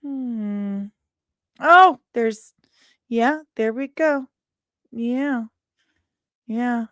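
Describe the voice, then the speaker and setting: She stretches out her words in a fairly high, fairly bright voice, with clean studio sound and no echo. As host of a laid-back entertainment livestream, she jokes, teases, and repeats phrases for emphasis while covering the news.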